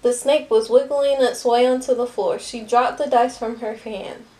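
A woman reading a children's picture book aloud with lively, expressive narration. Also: on the high side, moderate pace, poor audio. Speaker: storybook reader.

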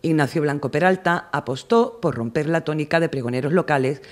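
A male reporter narrates a news piece from a script. His voice sits a little higher than most men's, and the delivery is that of a formal television voice-over. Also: fairly quick.

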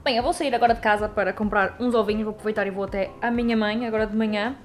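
A young woman with a European Portuguese accent, chatting excitedly in a casual vlog filmed on a handheld camera. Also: medium pitch, rapid-fire. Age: young adult. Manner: chatty, excitable, talks to her cat. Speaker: vlogger. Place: home kitchen and garden.

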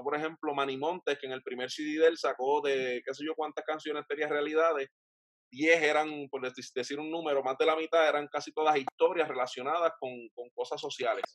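A man's voice: a little high, no room sound. A young Puerto Rican man hosting a video-call interview, asking long, thoughtful, winding questions from a room at home. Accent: Puerto Rican Spanish. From Puerto Rico. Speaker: host. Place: home room with bookshelves, indoors. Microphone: webcam on a video call.

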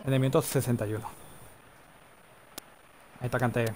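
A man's voice: medium pitch, level tone, a little mellow, slight background noise, poor audio. A man streaming live play-by-play commentary on a football video game, rattling off player names and breaking into long goal cries. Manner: rapid name-calling, bursts into drawn-out goal cries.

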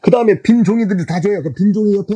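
A man's voice: high-pitched, rapid-fire, warm tone, slightly rough, dull audio. A middle-aged man giving a blunt, coarse, informal lecture on job interviews, acting out the exchanges.

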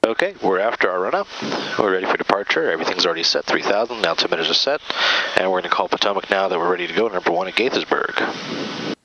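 A man with a low, bright voice talks casually through his cockpit tasks step by step. He is a pilot hosting a vlog in a small aircraft, with faint noise behind him. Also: big pitch swings, fast talker, gravelly, muffled recording.

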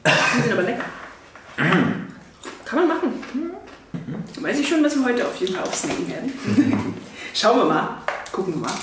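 A woman's voice: on the high side, sing-song, normal speed, long pauses. A young woman hosting a casual snack-tasting video, chatty and giggly with many fillers. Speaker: channel host. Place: indoor studio set at a table. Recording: echoey room, distant mic, audible noise.

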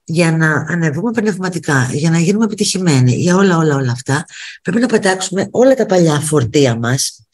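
Brief: middle-aged woman, lowish voice, motivational coach, emphatic and direct with viewers. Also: a little mellow, husky. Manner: emphatic, repeats phrases for effect; addresses viewers directly as kids.

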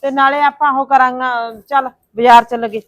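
A woman's voice: high voice, fairly even intonation, moderate pace, highs cut off, close to an everyday voice. An actress playing a quarrelsome middle-aged mother-in-law who scolds and taunts her daughters-in-law in a family drama. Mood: scheming. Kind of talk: village family drama acting.

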